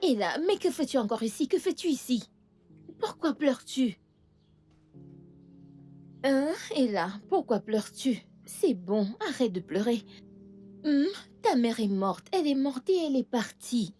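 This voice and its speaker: A woman dubbing a stern, sharp-tongued aunt into French for a Nigerian film. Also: fairly high pitch, very animated, unhurried, long pauses, soft background music. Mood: coaxing. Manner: scolding and impatient. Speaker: aunt of a young girl.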